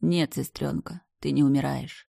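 Woman voicing a gentle young brother in an audiobook, soft and reassuring, low dry voice. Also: steady tone, moderate pace, gravelly, slightly rough, no echo, heavily acted. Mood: tender. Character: gentle protective dead older brother, tender young man. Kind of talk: audiobook character reading.

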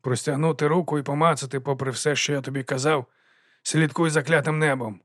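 Man doing a gruff old sweeper-monk. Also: a little high, fairly even intonation, brisk, no echo, clean studio sound, close to an everyday voice. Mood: wary. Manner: brusque, commanding, urging.

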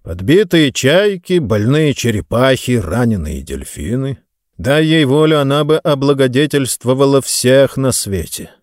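A man's voice: mid-range voice, very animated, unhurried, no echo, clean studio sound. A man voicing a stern, dismissive wealthy father who speaks curtly and gives orders, in an audiobook. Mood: scornful. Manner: curt, scornful, commanding.

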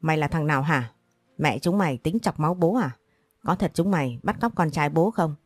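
A woman's voice: deep voice, lively intonation, a little fast, no echo. A woman voicing a furious, violent young father who snarls coarse threats, in an audio story.

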